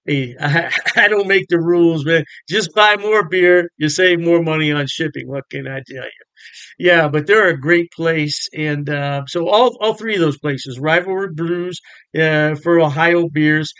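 Speaking casually to the camera from his home bar room, an older American man talks beer with folksy enthusiasm as a beer vlogger. His fairly high, fairly bright voice has a clean tone and measured pace, captured in a dry but rough recording.

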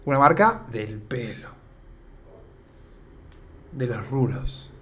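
A man's voice: medium pitch, big pitch swings, slow, pushed and bright, breathy edge. A young man with an Argentine accent, chatting casually on a live stream and reading comments aloud, his voice a bit worn out. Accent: Argentine Spanish. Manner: chatty, rambling, reads chat aloud.

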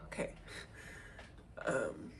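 Tearful vlogger with a halting, whispery voice. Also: very noisy. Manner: halting, hesitant, full of pauses and fillers; drops into soft whispers at times. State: tearful, holding back crying. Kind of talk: personal vlog, talking to camera.

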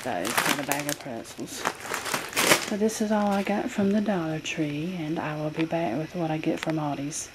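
In a laid-back haul video, a woman with a low voice walks through her groceries one by one at a moderate pace, with many ums. She's at her home kitchen table, recorded by a handheld camera over the tabletop, and the audio has clear noise.

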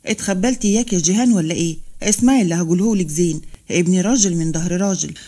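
Woman playing a scolding Upper Egyptian father, Upper Egyptian accent, very fast, mellow tone. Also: lowish voice, voice pushed down, close to an everyday voice. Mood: stern. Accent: Upper Egyptian Arabic. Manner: commanding, scolding. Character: stern Upper Egyptian father, middle-aged man.

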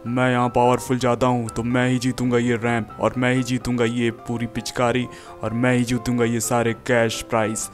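A man's voice: medium pitch, completely flat delivery, normal speed, faint music behind, natural voice. A man voicing an arrogant, bragging male superhero in a game voiceover. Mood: boastful threat. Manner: bragging, threatening, then screaming for help. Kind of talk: game voiceover role-play.

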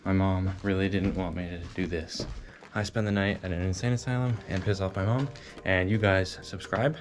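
Male exploration vlogger, twenties, deep and understated, casual musing delivery with little pitch movement. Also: steady tone, normal speed, background noise. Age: 20s. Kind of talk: casual vlog narration to camera. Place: abandoned derelict building and its grounds. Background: music.

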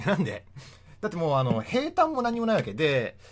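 Young man, casual history lecture, animated pitch, laughs a lot. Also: fairly quick. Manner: chatty, laughs often between points. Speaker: history explainer.

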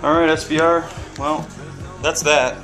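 A man's voice: on the high side, level tone, measured pace, over music, low-quality recording. A man in his thirties talking casually to a webcam while cooking in his home kitchen, rambling with lots of ums and swearing freely. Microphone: webcam camera mic.

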